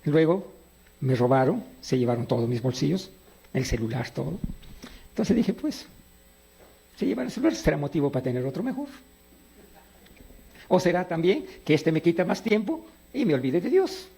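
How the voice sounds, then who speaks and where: Man, preacher, lively pitch, husky gravelly voice. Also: normal speed, long pauses. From Peru. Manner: animated, asks the audience questions and answers them. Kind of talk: sermon with personal anecdotes.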